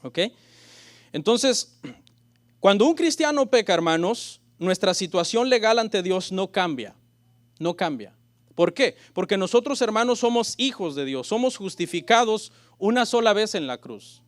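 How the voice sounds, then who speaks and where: A man's voice: sits high, animated, measured pace. A male pastor preaching a sermon. He asks the congregation rhetorical questions, calls them brothers, and briefly acts out the voices he quotes. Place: church.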